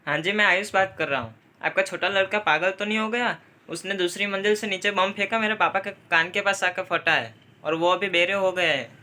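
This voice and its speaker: A young man acting out a comedy sketch, playing several family roles and switching his pitch between them. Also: brisk, pushed and bright.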